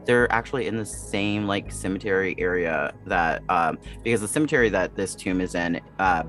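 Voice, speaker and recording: A man with a lowish voice chats casually as a podcast co-host, talking in a rambling way full of fillers. Faint music sits behind him. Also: normal speed, fairly bright tone. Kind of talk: casual chat.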